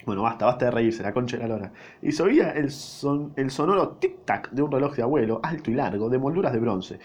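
A man's voice: medium pitch, expressive, brisk, darkish tone, husky. A young man with a Rioplatense accent reading a novel aloud, breaking off often for crude, swearing jokes and bursts of laughter. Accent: Rioplatense Spanish. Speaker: reader.

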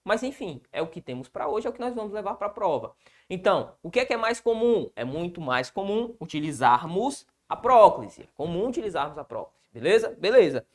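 Male teacher with a Brazilian accent. Animated, wide-ranging delivery that answers his own questions. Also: high-pitched, a little fast. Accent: Brazilian Portuguese. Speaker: grammar teacher. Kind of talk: exam-prep video lesson.

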